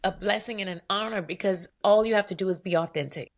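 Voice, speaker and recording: A woman guest, a business owner, telling her story in an animated, emphatic way with vivid asides. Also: mid-range voice, quick pace. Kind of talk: conversational storytelling.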